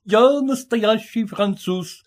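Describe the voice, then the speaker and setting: A man voicing a courteous, obliging male French restaurateur who speaks slowly. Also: high voice, pitched above the performer's own voice. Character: polite smooth-talking male French restaurateur.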